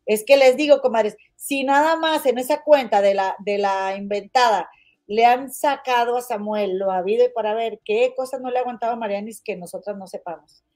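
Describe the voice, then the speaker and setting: On a casual livestream, a woman with a Mexican accent reads comments, trades blunt gossip, and calls her viewers comadres. She speaks at a moderate pace in a slightly high voice with a darkish tone.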